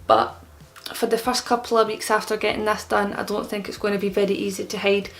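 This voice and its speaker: Young woman, heavy vocal fry, slightly thick-tongued articulation, fairly even intonation, casual vlog explainer. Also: mid-range voice, fairly quick. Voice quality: creaky. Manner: slightly impeded, thick-tongued speech from a new tongue piercing. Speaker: vlogger answering common questions.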